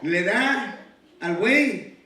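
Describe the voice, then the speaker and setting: A male pastor preaching a sermon, moving from quiet storytelling to shouted exhortations and rhetorical questions. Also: sits high, lively intonation, drawn-out words. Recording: very echoey church hall, preacher far from the mic.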